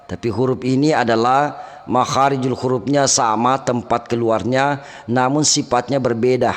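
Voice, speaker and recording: A man teaching Quran recitation rules, chanting verses slowly and melodically between plain explanations. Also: medium pitch, fairly even intonation, long reverb tail. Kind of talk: tajwid lesson with chanted recitation.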